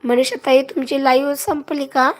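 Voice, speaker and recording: A woman with a Marathi accent, hoarse from a cough, hosting a casual live stream and greeting and thanking her viewers by name. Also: sits high, flat delivery, normal speed.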